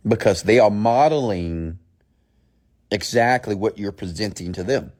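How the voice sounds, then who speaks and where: Very deep-voiced man, blunt motivational speaker. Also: measured pace, darkish tone. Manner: blunt, scolding; emphatic, repeats phrases and poses rhetorical questions. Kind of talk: motivational mindset talk, preaching to an audience.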